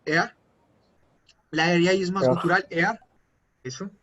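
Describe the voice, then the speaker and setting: Guy teaching german online, says each word slow and again, kinda high voice, dull audio. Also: crowd noise. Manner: patient, repeats words slowly for students. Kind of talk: online language class.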